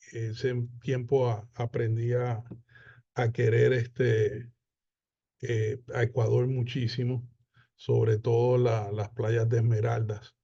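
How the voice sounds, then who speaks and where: A man, presenting a webinar as an accountant, unhurried and full of hesitations and repeated words. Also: mid-range voice, dark tone, lo-fi sound. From Puerto Rico. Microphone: video call.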